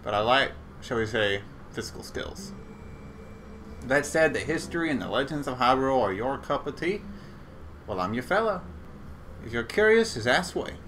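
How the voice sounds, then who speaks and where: A man putting on a prim young scholar with polite, old-fashioned phrasing. He sounds earnest and bookish. His voice is louder and more emphatic than his own. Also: medium pitch, very animated, normal speed, pauses often, a little hiss or hum.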